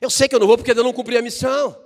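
A man's voice: very high voice, level tone, racing, in a large hall, voice pushed up. A man voicing the apostle Paul, beaten in prison, speaking with resolute fervor.

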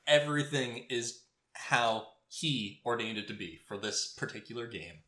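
A man's voice: medium pitch, lively intonation, moderate pace, pushed and bright. A young man with an everyday mid-range voice fills in the plot details his co-hosts leave out, often answering with short agreements. He sounds like he is in an echoey room. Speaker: podcast co-host. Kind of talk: casual chat recapping an anime.

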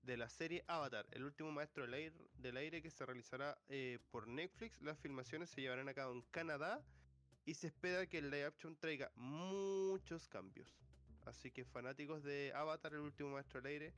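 A man's voice: a little high, moderate pace, fairly bright tone. A man with a Chilean accent, the host reading news items in a playful, jokey casual chat.

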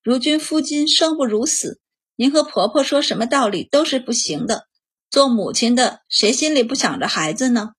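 A woman's voice: on the high side, animated, normal speed, husky. A woman voicing a tearful young noble wife pleading with an old servant, in a storybook reading. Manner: pleading through tears.

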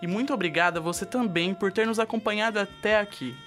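A man's voice: high voice, fast, fairly bright tone, soft background music. A young man with a Brazilian accent co-hosting a student radio show, reading scripted lines with a light, jokey touch.

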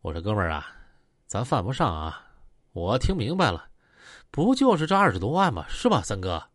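A man acts out a shrewd young gang leader with a Northeastern Mandarin accent who calms things down. His talk is soothing and persuasive, with lively pitch. The sound is close and dry. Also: a little fast, dry recording, heavily acted. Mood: placating.

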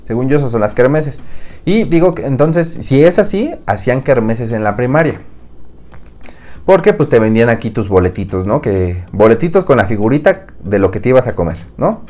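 His pitch is medium but swings widely, his tone darkish and his pace normal. A young Mexican Spanish-accented podcast host, he rambles through funny slang-laden anecdotes in a casual monologue, chuckling at his own punchlines.

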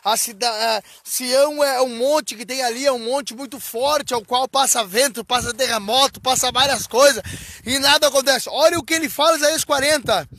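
Fervent high-voiced preacher man. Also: dry recording. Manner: fervent, drawn-out shouted scripture reading, occasional tongues. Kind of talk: fervent Pentecostal-style sermon.

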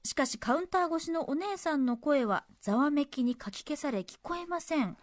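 A woman co-hosting a radio show, reading a letter aloud and then chatting, expressive and quick to laugh. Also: high voice, no room sound, studio quality. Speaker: radio co-host reading listener mail.

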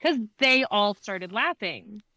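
A woman therapist telling a story in a casual conversation, animated, laughing often and acting out quotes. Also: mid-range voice, takes it slowly, no echo.

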